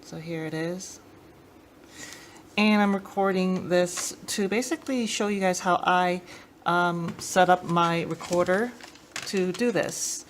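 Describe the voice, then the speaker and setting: Speaking slowly in a voice on the low side, a woman hosting a tape deck tech channel walks through a casual how-to. Her explanation is informal and a little hesitant, and room ambience and clear background noise can be heard.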